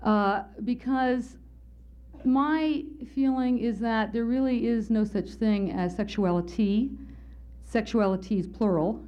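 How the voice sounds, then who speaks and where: At a conference, a woman tells a candid, wry personal story as part of her lecture, speaking slowly in a high-ish, darkish voice. The lecture recording is lo-fi and slightly muffled.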